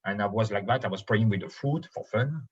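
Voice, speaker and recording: French guy with thick-ish accent, low husky voice, halting winemaker presentation, dull lo-fi audio. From Bordeaux, France. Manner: halting, with non-native phrasing. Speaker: winemaker presenting his estate's wine. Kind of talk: informal spoken presentation.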